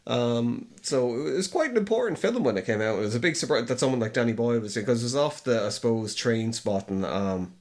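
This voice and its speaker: A man's voice: medium pitch, expressive, brisk, hardly any pauses. Rambling man chatting casually. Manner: rambling, swears freely, many fillers. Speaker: podcast co-host. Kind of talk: casual podcast chat.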